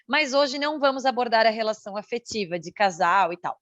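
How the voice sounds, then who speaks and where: A woman in her thirties from Santa Catarina, co-hosting a podcast with measured reading and teasing banter. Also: fairly high pitch, expressive, fairly bright tone, dry recording, muffled recording. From Santa Catarina, Brazil. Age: 30s. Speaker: podcast co-host. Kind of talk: podcast chat and scripted reading.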